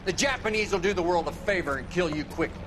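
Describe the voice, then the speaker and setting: An actor playing a foul-mouthed, bullying American Marine drill sergeant in a video game, barking gruff insults and threats. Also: male voice, sits high, fast, lightly acted. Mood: irritated, contemptuous. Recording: clear background noise under voice.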